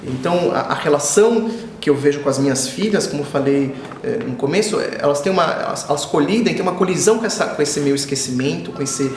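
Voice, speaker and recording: In an echoey room with a faint hiss or hum, a man in his forties talks fast in a fairly high voice. Born in Israel and raised in Brazil, he's a children's author giving an interview, musing and circling back on phrases, then turning animated as he tells stories.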